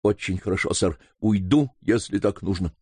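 A man's voice: deep voice, normal speed, a little mellow, breathy edge, dry recording. A man reading an audiobook voices a nervous, evasive male butler.

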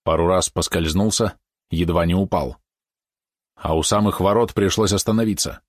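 A man reading a historical story aloud in a steady storytelling manner. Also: deep voice, normal speed, dry recording, studio quality. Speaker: narrator. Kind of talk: audiobook narration.

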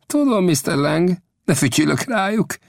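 A man's voice: high-pitched, gravelly, no room sound, studio quality, voice pushed up, exaggerated voice. A man voicing a wry old frontier scout. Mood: calm wry. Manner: calm, mocking self-assurance. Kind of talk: audiobook character voice.

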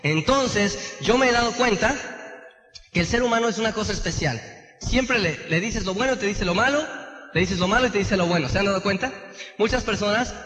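A man's voice: high voice, a bit bright. A man giving a motivational sales seminar to a hall audience, often checking in with rhetorical "correct?" questions. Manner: keeps asking the room "correct?". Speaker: business trainer. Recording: echoey hall with long reverb.

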